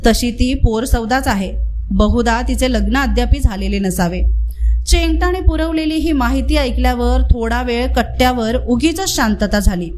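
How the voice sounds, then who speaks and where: A woman reading a village story aloud as a storyteller, lively and expressive in her delivery. Her voice sits fairly high. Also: moderate pace, slight background noise. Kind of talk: storybook narration.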